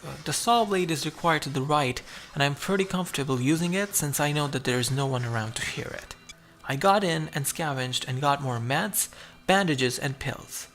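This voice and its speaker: A man's voice: a little high, moderate pace, fairly bright tone. A man narrating his own survival game playthrough, chatty and explaining each move as he goes. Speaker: gameplay narrator.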